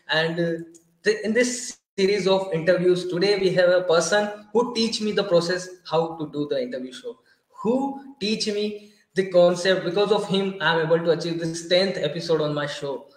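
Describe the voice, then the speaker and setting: Man, interview host, high voice, roomy echo, earnest and grateful. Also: moderate pace. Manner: earnest, grateful, repeats and restarts in non-native English. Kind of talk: casual online interview.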